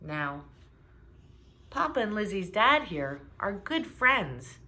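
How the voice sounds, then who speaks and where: A woman's voice: medium pitch, takes it slowly. A woman reading a children's storybook aloud and asking her young listeners questions along the way. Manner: animated, asks listeners questions. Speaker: storybook reader.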